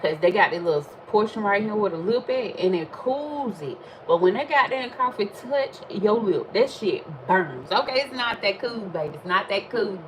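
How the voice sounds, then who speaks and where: A woman, chatting casually while reading tarot cards, animated and swearing freely. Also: medium pitch, moderate pace, hardly any pauses, slight background noise, low-quality recording. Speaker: tarot reader. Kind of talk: casual livestream chat.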